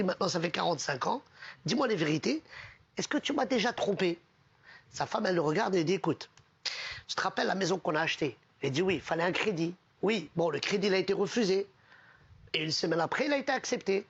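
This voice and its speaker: A man's voice: sits high, gravelly, slightly rough. Man telling jokes, muffled TV sound. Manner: casual joke-telling, acts out characters' lines. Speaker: comedian telling jokes on a TV panel show.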